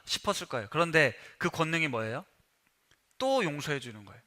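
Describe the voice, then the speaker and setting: A man's voice: a little high, very animated, brisk, bright, forceful tone. A male pastor giving a sermon in a conversational way, often putting questions to the congregation.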